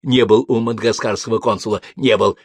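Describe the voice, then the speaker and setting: A man voicing a boisterous horse husband who repeats his loud exclamations. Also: lowish voice, fairly even intonation, brisk, slightly rough, no room sound. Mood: effusive.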